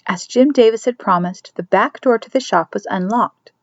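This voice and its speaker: A woman narrating a chapter of a novel in a steady storytelling manner, dropping to soft whispers for a character's thoughts. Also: mid-range voice, moderate pace, no room sound. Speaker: audiobook reader. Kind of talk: scripted narration. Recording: dry, dull lo-fi recording.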